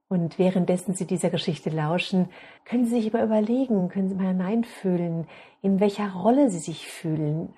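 Husky, low-voiced German woman podcaster. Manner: calm, addresses listeners directly. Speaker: podcast host. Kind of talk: storytelling podcast narration.

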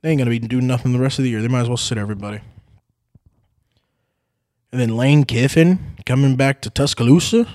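A man's voice: medium pitch, a little fast, long pauses, no echo, studio quality. A man hosting a sports podcast, chatting casually about football picks with rowdy, profane outbursts. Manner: rowdy, swearing, excitable outbursts.

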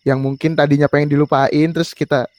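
A male host with a slightly high voice chats casually and eggs his guest on with quick murmurs of agreement. The sound is close and dry, with no room echo. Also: flat delivery, darkish tone, muffled recording. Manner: encouraging, frequent short affirmations. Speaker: podcast host. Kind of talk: casual chat.

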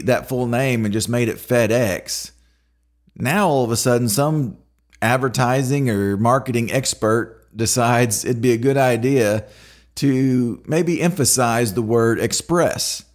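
Middle-aged guy doing a solo podcast, chatty and rambly, lots of ums, normal pitch. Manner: rambling, conversational, restarts with frequent fillers. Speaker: podcast host. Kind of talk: casual solo podcast monologue.

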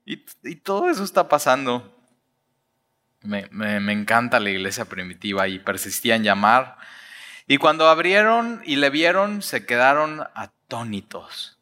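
A man's voice: mid-range voice, sing-song, a little slow, pushed and bright, big-room sound. A man preaching an expository sermon, laughing often, using casual slang and acting out the people in the story.

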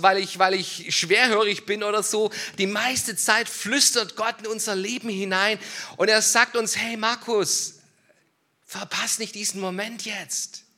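Bright-voiced preaching pastor, loud to hushed. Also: male voice, high-pitched. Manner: dynamic preaching, swinging from loud emphasis to hushed near-whisper. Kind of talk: sermon.

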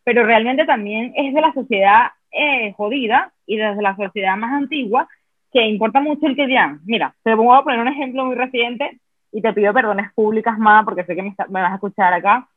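A woman's voice: fairly high pitch, a little fast, no room sound. Frank woman, phone-like podcast sound. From Venezuela. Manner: frank, rambling, full of fillers. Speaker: podcast host. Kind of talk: casual podcast chat.

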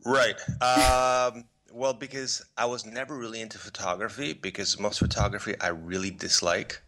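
The recording is rough as a middle-aged man, originally from Poland and raised on the American East Coast, talks as a podcast guest about his work as a filmmaker and photographer. In this relaxed interview he rambles with many fillers and restarts, his fairly low voice steady, pushed and bright at a moderate pace.

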